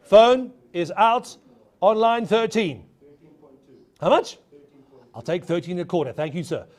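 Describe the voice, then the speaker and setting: Male auctioneer, notably high pitch, live bid calling with insistent repeated phrases. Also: very animated, darkish tone. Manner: rapid repetitive auction chant with emphatic calls. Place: auction studio with bidders on the floor.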